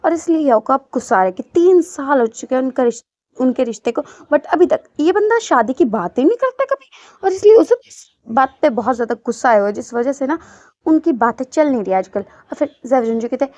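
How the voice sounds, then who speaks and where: A woman's voice: sits high, animated, brisk, darkish tone, dry recording. A woman narrating a fan-fiction story in a chatty, casual way full of fillers. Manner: chatty, loose filler-heavy retelling. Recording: dull lo-fi dry recording.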